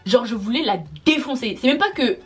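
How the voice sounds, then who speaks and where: A woman's voice: fairly high pitch, brisk, breathy edge, faint music behind. Exasperated young woman venting, slangy. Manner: exasperated, slangy, swearing, animated. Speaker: vlogger. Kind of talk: casual storytime monologue.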